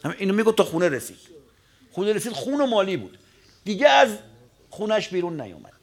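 A man with a gravelly, creaky voice delivers an emotional sermon in the manner of a dramatic storyteller. His voice leaps high and loud at the tense moments, then sinks to a low, quiet murmur. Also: sing-song. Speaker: preacher.

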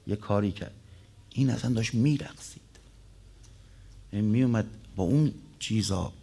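Low-voiced preacher giving a sermon. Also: male voice, warm tone. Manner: storytelling with Arabic quotations, voice rising and dropping. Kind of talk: religious sermon.

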